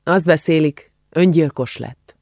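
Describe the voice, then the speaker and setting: A man's voice: fairly high pitch, darkish tone, no echo, clean studio sound, close to an everyday voice. A man voicing a worldly, blunt young woman in an audiobook, talking in a matter-of-fact, confiding way. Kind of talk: audiobook character voice.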